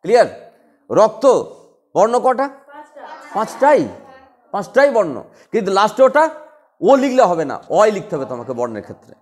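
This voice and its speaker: A man teaching a class, drilling students with quick repeated questions. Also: sits high, very animated, darkish tone. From West Bengal. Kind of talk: classroom lecture.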